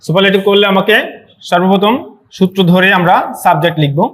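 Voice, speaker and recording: Male tutor, high-ish voice, online grammar class, repetitive and encouraging. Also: steady tone, fairly bright tone. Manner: repeats words slowly for students to say aloud; encouraging, motivational asides. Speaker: English teacher.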